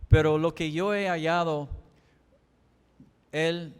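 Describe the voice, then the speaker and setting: High-voiced pastor preaching in an echoey hall. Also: male voice, fairly even intonation, slow, clean tone. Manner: emphatic, repetitive preaching cadence. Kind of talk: sermon. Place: church chapel.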